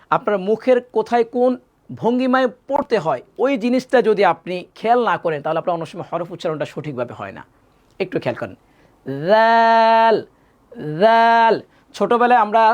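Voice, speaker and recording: A male Quran teacher giving a live online lesson. He sounds out Arabic letters loudly and repeatedly, then explains more quietly, asking viewers to repeat after him. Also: high-pitched. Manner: addresses viewers directly, asks them to repeat after him.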